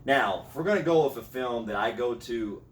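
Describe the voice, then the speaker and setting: A man chatting casually about a favorite comedy, rambling through halting, filler-heavy sentences. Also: mid-range voice, lively intonation, recorded from a distance, slight background noise. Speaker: podcast co-host. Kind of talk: casual movie chat.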